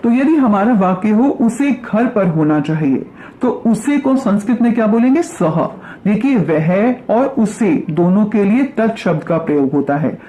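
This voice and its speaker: A woman teaching a grammar lesson. She recites verb forms slowly, then asks questions and answers them herself. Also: mid-range voice, expressive, dark tone, slight background noise. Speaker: Sanskrit teacher.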